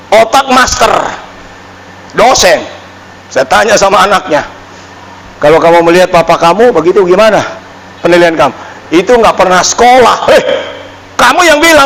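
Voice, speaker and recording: High-voiced pastor preaching in a hall. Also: male voice. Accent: Indonesian. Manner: emphatic, swings between loud outbursts and low murmurs. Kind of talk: sermon. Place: church hall. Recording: church hall reverb, faint ambience.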